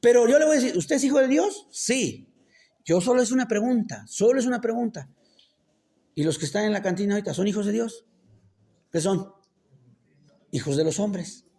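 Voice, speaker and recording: Man, pastor in church, high voice, very animated pitch, keeps asking the crowd questions. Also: normal speed, pauses often. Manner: keeps quizzing the congregation with rhetorical questions; colloquial, joking asides. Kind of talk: sermon.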